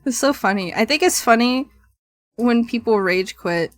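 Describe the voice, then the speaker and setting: Woman streamer narrating, soft music behind. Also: on the high side, expressive, normal speed, no room sound, studio quality. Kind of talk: live stream reading of a visual novel with casual asides.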